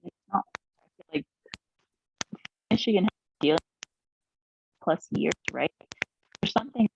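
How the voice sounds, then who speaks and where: A woman in casual discussion, talking haltingly with many fillers while her call mic keeps cutting in and out. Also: lowish voice, lively intonation, creaky, a little mellow, slight background noise. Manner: halting, filler-heavy speech. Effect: choppy call audio, mic cutting in and out. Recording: dull lo-fi online call.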